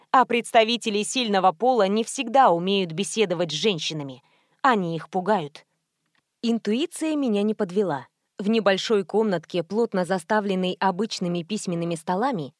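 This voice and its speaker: A woman reading an audiobook as a first-person narrator, with wry, ironic, expressive storytelling. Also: mid-range voice, dry recording, studio quality.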